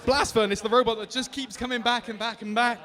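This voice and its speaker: A man's voice: very high-pitched, steady tone, fast talker, bright, forceful tone, big-room sound. A British man interviewing competitors after their fights in an upbeat, exclamatory way. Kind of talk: cheerful post-fight interviews.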